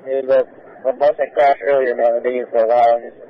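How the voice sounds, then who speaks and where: A man's voice: medium pitch, flat delivery, brisk, dry recording. A male police officer reporting in informally over a lo-fi police radio. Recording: dull lo-fi police radio transmission.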